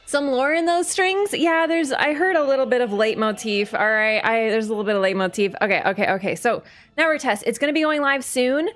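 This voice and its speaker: A woman's voice: on the high side, fairly quick. A woman live-streaming a game with casual commentary, her voice sleepy and content yet eager. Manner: excitable, gushing. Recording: music playing behind the voice.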